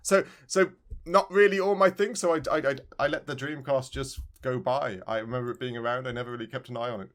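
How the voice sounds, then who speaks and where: A podcast co-host talks fast in a mid-range, steady voice, chatting casually about retro video games. He rambles and repeats himself emphatically.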